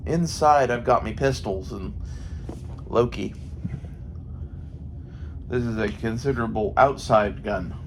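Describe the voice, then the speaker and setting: Gravelly American man rambling casually. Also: mid-range voice, slow pace, long pauses. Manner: profane, thinking aloud. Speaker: gun hobbyist vlogger. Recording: faint background noise. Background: faint ambient noise.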